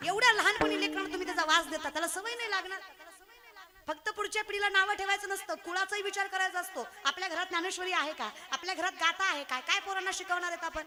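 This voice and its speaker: A woman preaching a devotional kirtan sermon, animated and storytelling, moving between loud exhortation and soft pleading. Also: extremely high pitch, fast.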